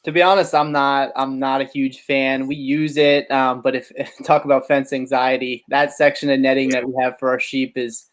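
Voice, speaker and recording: A man's voice: medium pitch, flat delivery, moderate pace, few pauses. Friendly man chatting about sheep. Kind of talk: casual chat.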